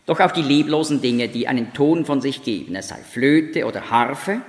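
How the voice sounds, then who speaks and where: A man's voice: mid-range voice, expressive, normal speed, big-room sound. A man preaching a sermon and explaining scripture verse by verse, sometimes demonstrating sounds to make a point.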